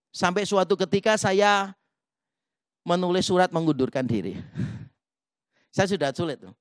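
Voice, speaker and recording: A man's voice: high-pitched, clear, resonant tone, dry recording, clean studio sound. A male pastor preaching a sermon, telling stories and acting out the dialogue, with English phrases mixed in. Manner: lively storytelling, acts out quoted dialogue.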